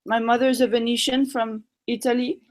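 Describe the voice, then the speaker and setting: A woman guest who grew up in Morocco, talking in a casual chat with many pauses and restarts. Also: on the high side, flat delivery, low-quality recording. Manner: hesitant, many ums and restarts.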